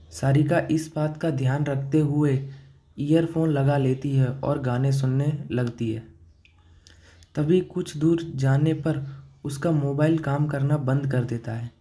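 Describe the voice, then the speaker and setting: A man narrating a horror story in a measured, scripted storytelling manner. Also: on the high side, warm tone.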